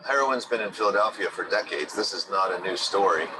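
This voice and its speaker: A man's voice: sits low, brisk. A man talking casually and matter-of-factly as a local guide in a documentary interview. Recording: noticeable street or vehicle noise.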